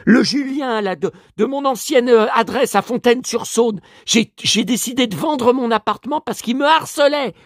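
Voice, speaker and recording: A hoarse man talking to his viewers at home, showing off his finds as a collector. He rambles, grumbles, swears often and keeps addressing the audience. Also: very high-pitched, normal speed, hardly any pauses, dry recording, studio quality. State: hoarse, voice worn out. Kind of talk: rambling vlog talk to viewers.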